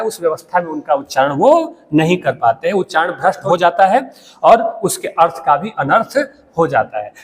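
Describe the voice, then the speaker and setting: A man teaching a Hindi lesson, explaining slowly with pauses and checking in with "theek hai". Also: high voice, long reverb tail. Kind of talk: classroom lecture.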